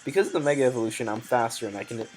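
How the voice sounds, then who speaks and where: Dude narrating his game turn by turn, mumbly, lots of ums, voice cracks sometimes, mid pitch, soft music in the back. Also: very fast, low-quality recording. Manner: mumbled, hesitant, lots of ums and self-corrections. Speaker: competitive game player. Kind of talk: thinking-aloud gameplay commentary.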